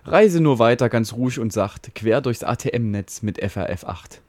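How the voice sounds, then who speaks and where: A man's voice: medium pitch, expressive, moderate pace, darkish tone, no echo, studio quality, close to an everyday voice. A man voicing a boastful, fatherly network router in a rhyming comic ballad, reciting in a soothing, self-important way.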